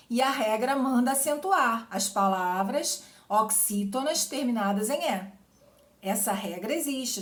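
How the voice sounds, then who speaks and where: Patient woman teacher, echoey room. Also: on the high side. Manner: explains patiently, stretches example words slowly, asks "certo?" often. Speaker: Portuguese teacher. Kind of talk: exam-prep grammar lesson.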